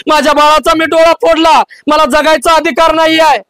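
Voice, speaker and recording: An anguished poor mother, as a man puts her on in a dramatic told story, lamenting with raw grief. Her voice sits very high and sounds dry and close. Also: little pitch movement, a little fast, a bit bright, no echo. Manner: lamenting, emotional. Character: poor stone-breaking mother, grieving and devoted.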